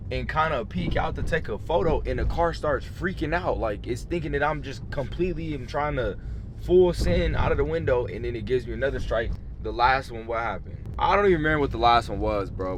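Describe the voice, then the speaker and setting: A man's voice: fairly low pitch, noisy background. A young man casually vlogging to camera in a laid-back, slangy way. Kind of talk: casual vlog talk to camera. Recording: background music throughout.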